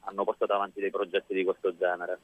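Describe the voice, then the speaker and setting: A man's voice: low voice, completely flat delivery, very fast, breathy edge. A man with a Sicilian accent giving a casual radio interview as a musician guest, hedging often as he talks over a phone line. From Sicily, Italy. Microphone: phone call. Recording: tinny phone line, roomy.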